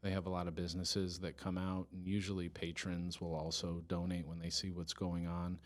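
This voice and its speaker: A man's voice: sits low, completely flat delivery, brisk. A man speaking as a police department's chief of staff in a casual podcast interview, earnest, with frequent restarts and easy laughter.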